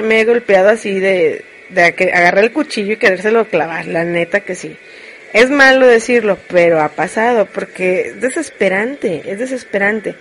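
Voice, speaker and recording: A woman's voice: mid-range voice, a bit bright. Frank joking Mexican woman streamer. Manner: frank, joking, confessional rambling. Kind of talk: casual chat to live viewers.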